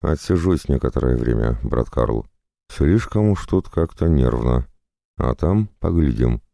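A man voicing a scheming male thief planning to flee abroad, speaking in an unhurried, calculating way in a storybook reading. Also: a bass voice, lively intonation, vocal fry, dark tone, no echo, clean studio sound, exaggerated voice. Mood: wary. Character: scheming male thief fleeing with stolen gold.

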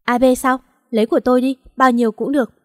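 Stern young boss man in an audio story, read by a woman, urgent, voice sitting a bit high. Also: fairly even intonation, fast, dry recording, studio quality, natural voice. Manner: commanding, urgent.

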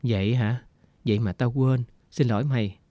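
A frail, homesick woman who is ill speaks in a plaintive, weary way, read by a man. The voice sits at an ordinary middle pitch. The sound is dry and close, like a storybook audio reading. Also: steady tone, moderate pace, mellow, no echo, lightly acted. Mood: worried.

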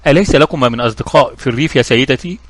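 A man voicing a calm, shrewd young investigator in a storybook reading, with measured, questioning speech. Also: mid-range voice, dry recording, close to an everyday voice.

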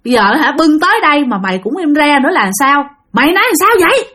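A woman voicing a worried grown man with a Southern Vietnamese accent, shouting and pleading with a friend behind a door. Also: high voice, animated, brisk. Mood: shouting, anxious. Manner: loud, pleading, scolding.

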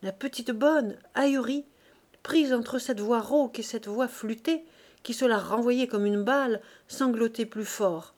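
Woman reading a novel aloud, fairly high voice. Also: measured pace, darkish tone. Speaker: audiobook reader.

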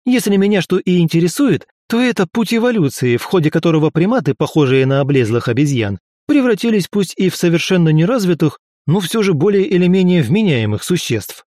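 A man's voice: high voice, very animated, a little fast, few pauses, darkish tone, no echo, studio quality, voice pushed up. Man putting on a snarling tiny hamster god. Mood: scornful. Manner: boastful and scornful, snapping insults. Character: irritable arrogant tiny male hamster deity.

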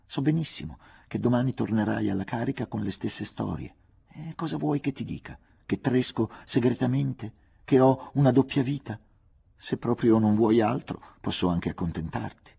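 A man voicing a soft-spoken, guarded young woman. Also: normal speed, gravelly, breathy edge, exaggerated voice. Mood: wry. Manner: soft-spoken, low, wry.

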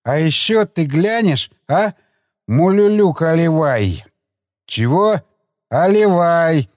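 A man's voice: a little high, expressive, a little mellow, no room sound, studio quality. A man doing a slurring drunk henchman. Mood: drunken. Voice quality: slurred, slow mumbling.

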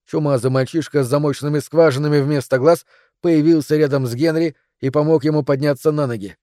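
A man narrating an audiobook in a measured, dramatic reading. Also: a little high, steady tone, warm tone, dry recording, clean studio sound. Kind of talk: scripted narration.

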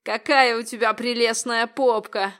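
A crude, brutal man barks his words loud and rough, as a woman reader puts him on. The voice sits somewhat high for a man and stays coarse and snarling. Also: fairly even intonation, measured pace. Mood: leering.

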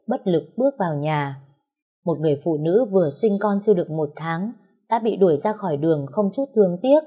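A woman narrates a first-person story in a steady, measured way. Her voice sits on the lower side, and she reads the story plainly. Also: slightly rough.

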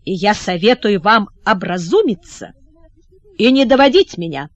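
A woman's voice: lively intonation, moderate pace, dry recording, lo-fi sound, close to an everyday voice. A woman voicing a furious, indignant young prince who sputters with rage in an audiobook. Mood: pleading. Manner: shrill, raging, sputtering. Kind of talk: audiobook character reading.

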